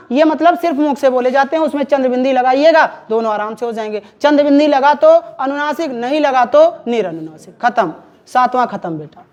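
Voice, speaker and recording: A woman teacher giving a Hindi grammar lecture in a classroom, repeatedly quizzing her students and having them call back answers. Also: high voice.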